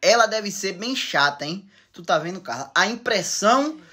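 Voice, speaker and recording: Lively teasing man hosting couple Q&A. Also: high voice, moderate pace, slightly rough. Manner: teasing mock-wise answers to viewer questions. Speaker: comedy couple channel host. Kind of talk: joking couple Q&A.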